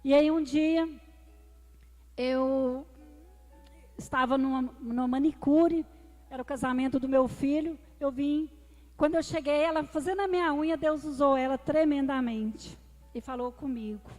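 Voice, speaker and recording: High-voiced woman testifying in a church. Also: a little slow, a little mellow. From Brazil. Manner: emotional storytelling, addresses the congregation as brothers. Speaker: deaconess giving a testimony. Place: church hall. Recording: reverberant church hall with music.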